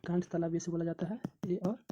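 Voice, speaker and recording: Woman teacher, low and warm, repetitive drilling delivery; dull lo-fi recording. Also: steady tone, fairly quick, noisy background. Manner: repetitive, drills syllables aloud. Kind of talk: exam coaching lesson.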